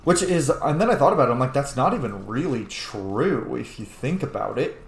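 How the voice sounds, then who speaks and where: A gravelly, medium-pitched voice, expressive and at normal speed, belongs to a video game streamer offering rambling, opinionated, casual commentary laced with swearing. Faint noise and a roomy echo color the recording.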